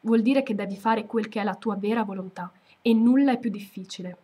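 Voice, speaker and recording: A woman's voice: mid-range voice, dark tone, husky, close to an everyday voice. A woman reading as a grave old lion. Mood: solemn. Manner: grave, measured. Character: wise solemn male lion of the desert.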